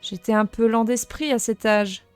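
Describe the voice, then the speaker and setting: A woman reading the lines of an earnest young male rat guard in a video game, in a plain, soft-spoken way. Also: a little high, fairly even intonation, normal speed, faint music behind, close to an everyday voice.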